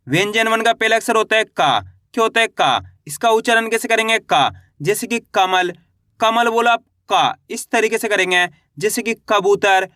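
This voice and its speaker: Bright, high-voiced man teaching the alphabet. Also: dry recording, clean studio sound. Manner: asks and answers his own questions; drawn-out syllable sounds for pronunciation. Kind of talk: beginner alphabet lesson.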